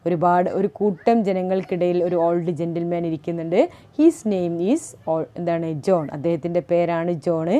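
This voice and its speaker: A woman's voice: on the low side, moderate pace, dark tone, highs cut off. A woman teacher with a Malayali accent explaining a poem, reading lines aloud and asking questions that she answers herself. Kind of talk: class lesson explaining a poem.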